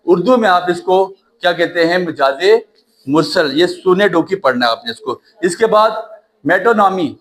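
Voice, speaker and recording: A man giving a classroom grammar lecture, often pausing to check that students follow and spelling words out slowly. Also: high-pitched, animated, fairly bright tone. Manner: repeats checks like "right?", calls students "child", spells slowly. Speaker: English grammar teacher.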